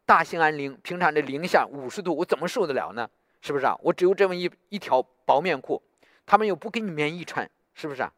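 A man's voice: a little high, expressive, fast, fairly bright tone, no echo, studio quality. A man doing an old prisoner pleading in despair. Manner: pleading, distressed.

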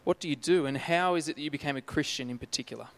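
A man's voice: on the high side, racing. A man hosting a church event, introducing the speaker in an upbeat, welcoming way and leading a prayer. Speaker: host.

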